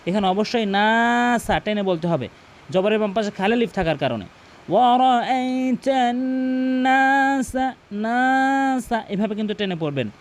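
A man's voice: sits high, animated. A man teaching correct recitation pronunciation, repeating each word again and again and explaining between the examples. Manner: drills words by repeating them over and over; long drawn-out chanted recitation. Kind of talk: tajweed pronunciation lesson.

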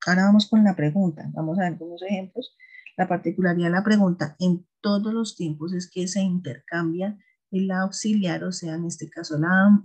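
With a darkish, mid-range voice that has a breathy edge, an English teacher patiently works through a recorded class explanation. They keep checking that students are following, asking "¿listo?" again and again, in a dull lo-fi recording.

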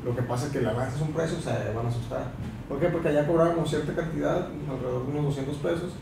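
Speaking quickly in a fairly high voice with vocal fry, a young Sinaloa-accented barber rambles through long, filler-heavy explanations on a laid-back podcast. The far-off camera mic picks up echo and background hiss in the small mirrored room.

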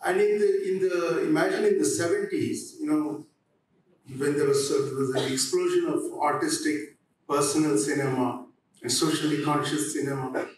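A man talks reflectively on a panel, pausing and restarting often. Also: on the high side, fairly even intonation, a little mellow. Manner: halting, with frequent pauses and restarts. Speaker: theatre practitioner on a discussion panel. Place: on stage in an auditorium. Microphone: handheld microphone. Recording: very echoey hall, distant, slightly noisy.

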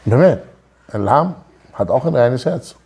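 Animated, husky-voiced man giving a Torah talk. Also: medium pitch, a little slow. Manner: emphatic, gesturing, rhetorical questions, mixes Hebrew words. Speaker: Torah teacher. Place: office room with wooden wall. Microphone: lapel mic.

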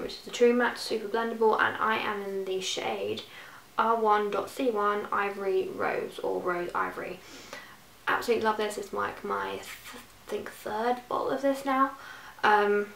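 Slightly croaky young British woman, roomy sound. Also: medium pitch, a bit bright. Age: young adult. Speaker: beauty vlogger. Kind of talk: casual product review to camera. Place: small furnished bedroom, indoors. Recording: roomy echo, distant mic, faint hiss.

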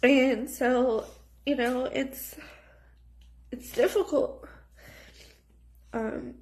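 A woman's voice: high voice, steady tone, very slow, a little mellow. A woman in her thirties speaking in a personal, confessional vlog, recorded on a phone in a small room. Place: small plain indoor room. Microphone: phone at arm's length.

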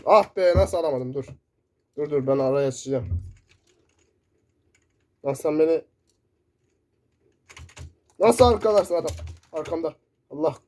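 A man commentating his own first-person shooter gameplay, excitable and shouting in bursts, keyboard clicks close by. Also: fairly high pitch, unhurried, pauses often, a little hiss or hum. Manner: excitable, shouting in sudden bursts during play. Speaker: gaming YouTuber. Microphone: desk mic picking up keyboard. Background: loud keyboard typing.

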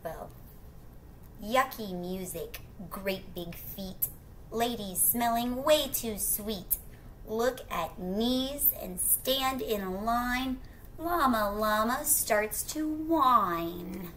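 A middle-aged woman with a voice on the high side reads a picture book to young children, drawing out the rhymes, putting questions to them and dropping in casual asides. She's in a small indoor room at home. The recording is low quality, with slight background noise.

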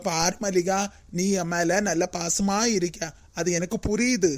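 A voice actor with a Kanyakumari Tamil accent voicing a calm, reassuring older-sister character in an animated comedy. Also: medium pitch, a little slow, no echo.

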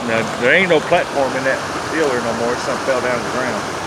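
Noisy phone footage from a rocky riverbank captures a middle-aged fishing vlogger chatting casually and folksily in a mid-range voice. He holds the phone at arm's length, with rushing river water and outdoor ambience in the background.

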